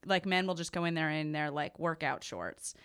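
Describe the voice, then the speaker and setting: A woman's voice: low voice, moderate pace, a bit bright, clear, resonant tone. A woman hosting a casual podcast chat, eager and explaining things with plenty of "like" fillers. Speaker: podcast host.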